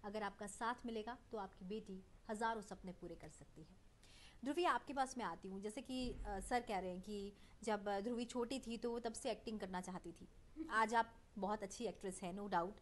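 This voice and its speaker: A woman's voice: mid-range voice, normal speed. A woman hosting a TV interview, speaking in a formal anchoring manner and mixing in English phrases. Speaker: TV host.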